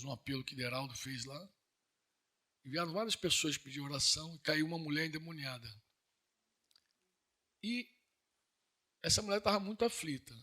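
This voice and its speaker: A man with a Brazilian Northeastern accent preaching a sermon in an earnest, conversational way, asking his listeners questions and building to emphatic peaks. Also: bright, forceful tone. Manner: rises to emphatic high-pitched peaks.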